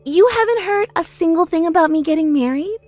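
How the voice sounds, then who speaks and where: Haughty older sister, thirties, vain and spiteful, very high-pitched played by a woman, for a scripted story drama. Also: animated, fairly quick, a little mellow, no echo, faint music behind. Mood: smug. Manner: haughty, taunting, self-praising. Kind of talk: scripted audio story dialogue.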